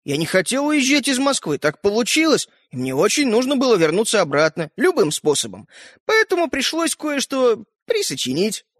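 A man's voice: very high voice, no room sound, studio quality, voice pushed up, exaggerated voice. A man voicing a tiny cheeky toy boy. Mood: cheeky, boastful. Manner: cheeky, quick, excitable. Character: tiny boastful sly living toy boy.

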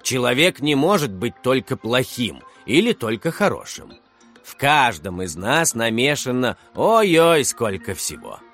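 A man voicing a kindly schoolteacher who speaks slowly and gently to his pupils. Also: medium pitch, big pitch swings, faint music behind. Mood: gentle. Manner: slow, gentle, measured. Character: calm kindly older male schoolteacher.

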